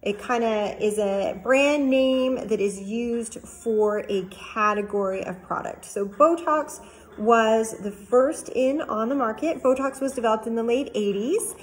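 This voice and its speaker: A woman's voice: fairly high pitch, unhurried, low-quality recording. A woman doctor explaining cosmetic treatments to camera in a friendly, plain-spoken way, using everyday comparisons.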